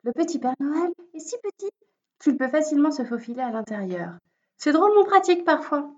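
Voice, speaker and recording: A woman reading a children's story aloud, gentle and expressive. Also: high-pitched, a little fast. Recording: dull lo-fi recording.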